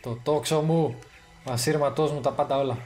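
A man giving casual gameplay commentary, chatty and excitable, thinking aloud as he plays. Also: mid-range voice, over music. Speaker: gamer streaming his play.

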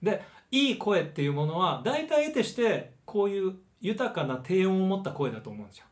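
A middle-aged vocal coach from Osaka talks through a singing lesson and illustrates his points with quick demonstrations. His male voice sits a little high and swings widely in pitch, which gives his teaching an animated feel. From Osaka, Japan.

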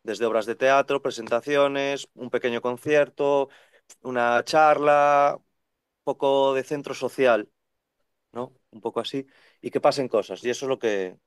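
Animated young bookseller, smooth dry voice. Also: male voice, mid-range voice, measured pace, no echo. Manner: animated, talks in long runs and acts out quoted voices. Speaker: second-hand bookseller. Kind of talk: casual conversational interview. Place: bookshop with full shelves behind. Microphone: video call webcam.

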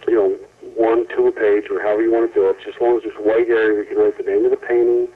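A man's voice: on the low side, flat delivery, fast, husky, distant mic. A man leaving a casual, businesslike answering machine message, giving instructions and repeating details over a tinny telephone line. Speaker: caller leaving a phone message. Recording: muffled, tinny 1990s answering machine tape.

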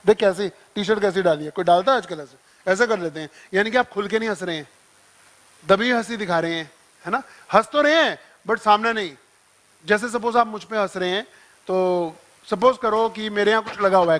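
High-voiced Indian man teaching vocabulary. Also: fairly bright tone. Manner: explains with playful examples and acted-out scenes, mixing Hindi and English. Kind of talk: classroom vocabulary lesson. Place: classroom.

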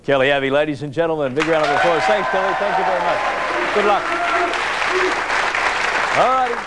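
A man's voice: on the high side, fairly quick, heavy background noise. A middle-aged Australian man hosting a game show, chatting with contestants into a handheld microphone. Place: TV studio with audience. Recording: loud music and crowd, 1990s TV broadcast. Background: loud audience and music.

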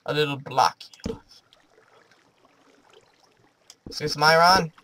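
Man, let's play commentary, slow-paced, jumpy, chats to game monsters. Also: on the high side, sharp tone, a little hiss or hum. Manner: jumpy, chatty, talks to game creatures. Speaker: gaming video host.

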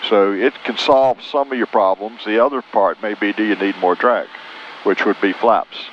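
A man's voice: on the low side, fairly even intonation, normal speed. An older man coaching a flying student in short, instructive remarks over a cockpit headset. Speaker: flight instructor. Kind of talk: coaching during a flying lesson. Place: small light aircraft cockpit. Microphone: aviation headset boom mic. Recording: muffled headset intercom, faint engine noise.

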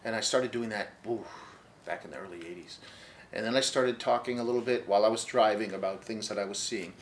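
A man's voice: fairly low pitch, a little fast, a little hiss or hum, rough recording. A man in his sixties, an author and long-haul trucker, telling stories in an easygoing, wry way during a bookstore interview, seated in an armchair with a lapel mic. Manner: wry, easygoing, drifts quieter as he goes on. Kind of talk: casual interview storytelling.

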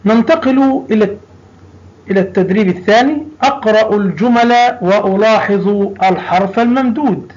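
A man with a high, light voice teaches a recorded primary school lesson, stretching out sounds and repeating each word slowly and patiently for young pupils. The recording is dull and a little lo-fi. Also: a little mellow.

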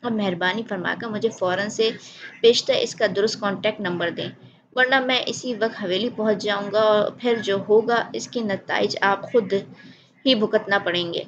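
A woman's voice: medium pitch, lo-fi sound, noisy background, natural voice. Woman voicing a harsh, stern grown man. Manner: blunt, harsh, accusing.

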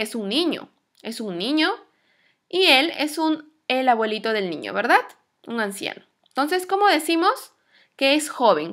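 A woman teaches an English lesson in a light, high voice. She speaks patiently, pausing to stretch out each model word so the class can repeat it. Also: fairly bright tone.

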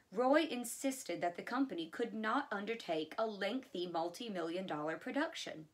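A woman reads a biography aloud at an easy pace, now and then adding casual asides of her own. Her voice sits at a medium pitch. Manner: relaxed, with chatty asides. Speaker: audiobook reader.

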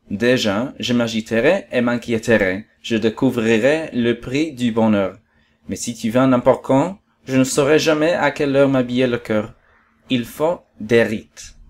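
A wistful male fox as a man reads him speaks with patient earnestness. His pleas are soft and lonely, the voice of a storybook creature. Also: medium pitch, a little slow, lightly acted.

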